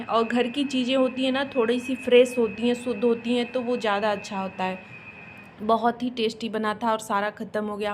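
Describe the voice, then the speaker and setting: A woman vlogger from India talks through her day at home in a friendly, explaining manner, her voice sitting a little high. She sounds like a mother chatting casually to her viewers over a voice-over, with faint ambient hiss underneath. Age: adult mother. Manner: chatty and explanatory, with homely asides. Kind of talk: casual voice-over narration of a home cooking and cleaning vlog.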